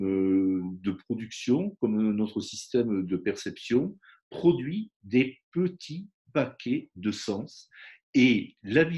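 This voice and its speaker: A man's voice: mid-range voice, warm tone. A man, a phonetics professor, explaining pronunciation teaching in an interview and demonstrating examples aloud.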